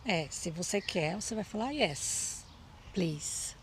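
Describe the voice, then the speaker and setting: A woman from Brazil with a Brazilian Portuguese accent, a guest in a casual chat, direct and quick to laugh. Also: lowish voice, expressive, slight background noise.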